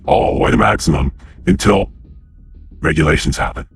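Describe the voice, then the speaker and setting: A man's voice: a bass voice, huge pitch swings, normal speed, vocal fry, slightly rough, dry recording, faint music behind. A man hosting his own channel, ranting angrily and profanely to his viewers, a little out of breath. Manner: angry, profane, keeps addressing viewers as guys. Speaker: channel host. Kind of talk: ranting commentary to camera.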